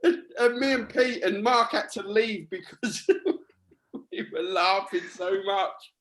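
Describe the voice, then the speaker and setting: A man's voice: high voice, slow, fairly bright tone. A man co-hosting a casual chat show, telling funny stories animatedly and laughing as he goes. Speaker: co-host.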